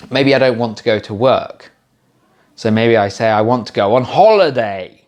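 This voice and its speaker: A man's voice: fairly low pitch, darkish tone. A man teaching exam pronunciation in a patient, explanatory way, showing how stress and intonation work. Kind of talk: explanatory lesson.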